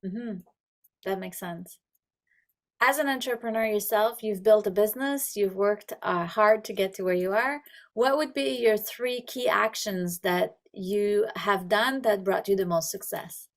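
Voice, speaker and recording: Female podcast interviewer, middle register, relaxed conversational phrasing for questions and short responses. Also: medium pitch, measured pace.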